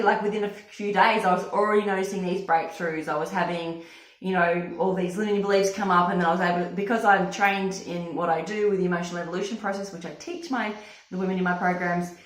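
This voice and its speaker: A woman's voice: on the low side, a bit bright. A woman talking casually and effusively as a wellness coach, giving an informal personal testimonial. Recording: echoey room.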